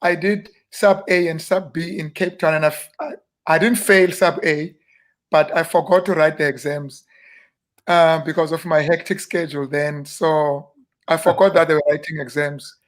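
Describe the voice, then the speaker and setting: A South African man in his fifties, a minister, telling stories about growing up in a relaxed, self-deprecating way during an interview. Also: a little high, normal speed. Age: 50s. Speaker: guest minister. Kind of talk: casual interview reminiscing.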